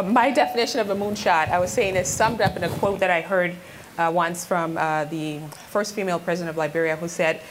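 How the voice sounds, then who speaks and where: A woman who grew up in Ghana tells her story as a panel guest at a live event. She speaks earnestly in a measured way, with a fairly low voice and faint room noise around her. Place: event stage before an audience.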